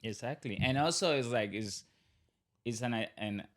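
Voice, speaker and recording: A man with a mid-range voice and normal speed guests on a podcast for casual interview talk. He's a Colombian business owner in his thirties, first language Spanish, with a Colombian accent, and he rambles, restarts, and laughs frequently.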